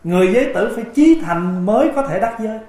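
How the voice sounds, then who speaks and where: Gentle monk with a raised voice in an echoey hall. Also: male voice, high-pitched, animated, quick pace. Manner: gentle, speaks of himself by his dharma name, chants verse passages. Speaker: Buddhist monk teacher. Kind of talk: dharma talk. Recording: echoey room.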